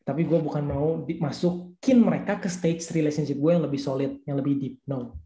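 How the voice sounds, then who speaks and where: A man leads a church youth discipleship class with a warm, mellow voice. He talks casually, in slang, and says his key points twice. The recording has a roomy echo. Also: on the high side, fairly quick. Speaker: youth ministry leader.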